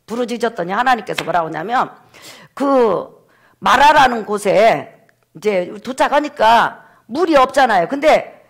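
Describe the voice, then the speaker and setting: A man's voice: extremely high pitch, lively intonation, a little slow, creaky, a bit bright. A male pastor preaching a sermon in a church, acting out the voices of the people he quotes.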